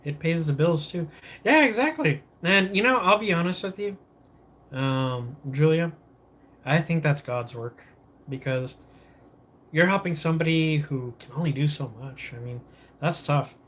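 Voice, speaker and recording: A man's voice: fairly high pitch, expressive, a little slow, a bit bright. A man hosting a casual morning livestream, sipping coffee, greeting viewers and rambling, often losing his train of thought and restarting. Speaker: livestream host.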